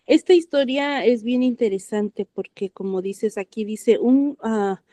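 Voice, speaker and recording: A woman's voice: a little high, takes it slowly, mellow. A woman joining a Bible reading circle discussion, thinking aloud with hesitant fillers and correcting herself as she goes.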